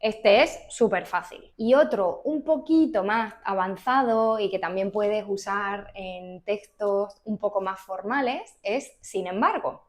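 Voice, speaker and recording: A young woman teaches a relaxed video lesson. She speaks clearly and deliberately, often repeating the key word so it sinks in. Her pitch sits at an ordinary middle level for a woman. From Spain. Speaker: Spanish teacher.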